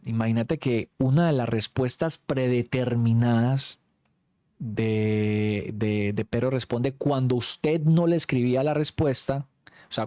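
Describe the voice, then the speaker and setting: Young Colombian man, slangy and animated anecdote-teller, dry close mic. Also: medium pitch, dry recording. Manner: animated, slangy, acts out quoted friends. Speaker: streamer. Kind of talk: casual anecdote storytelling.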